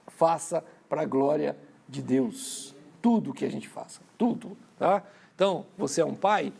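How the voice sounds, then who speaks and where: A man's voice: high-pitched, vocal fry, mellow. A man with a Brazilian Portuguese accent preaching at a church conference, chatty and storytelling, repeating phrases and calling the crowd brothers. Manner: conversational, tells family stories with acted-out quotes.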